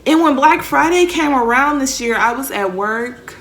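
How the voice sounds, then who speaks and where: Young woman, vlogger; fairly high, bright voice; candid, rambling heartfelt rant. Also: expressive, normal speed. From Texas. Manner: candid, rambling, heartfelt, addresses viewers directly. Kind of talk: emotional personal rant to camera.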